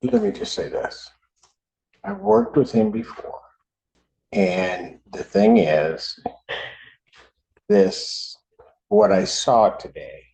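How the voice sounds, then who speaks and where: A man's voice: fairly low pitch, vocal fry, dark tone. An older man speaking informally as a judge in court, blunt, folksy and plain-spoken. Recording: dull, muffled lo-fi courtroom audio.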